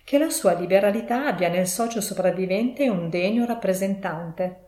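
A woman voicing a polite, formal gentleman collecting for charity in an audiobook, measured and courteous. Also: mid-range voice, lightly acted. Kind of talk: audiobook reading. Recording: roomy echo.

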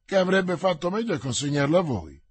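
A man reading the part of a boastful, slow-witted, hearty male musketeer in an audiobook, with bluff exclamations. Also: sits high, expressive, husky, no room sound, voice pushed up.

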